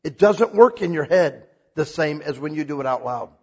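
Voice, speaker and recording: A man preaching a sermon in a church hall, animated and casual, mixing jokes into his message. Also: a little high, moderate pace, breathy edge, lo-fi sound. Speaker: pastor.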